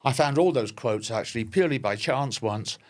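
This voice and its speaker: A man's voice: mid-range voice, expressive, a little fast. A man with an English accent, a podcast guest, talking in a jokey way with hesitations and repeated words. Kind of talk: conversational interview.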